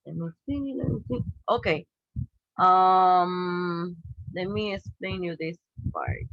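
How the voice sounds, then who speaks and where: A woman who speaks Spanish as her first language, teaching an online English class with slow, patient explanations and frequent "okay?" checks. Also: on the low side, no room sound, muffled recording.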